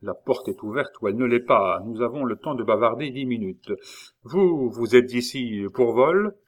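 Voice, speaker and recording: A man's voice: mid-range voice, expressive, normal speed, lightly acted. A man doing a cocky, boisterous tavern-keeper convict. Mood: sly, familiar. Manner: boisterous, mocking, familiar. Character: jovial, sly male tavern-keeper convict, cocky and slangy.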